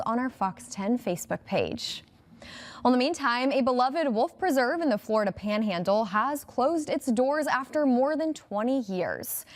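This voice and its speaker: Female TV anchor, slightly high-pitched, brisk and upbeat scripted delivery. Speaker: news anchor. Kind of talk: scripted news reading.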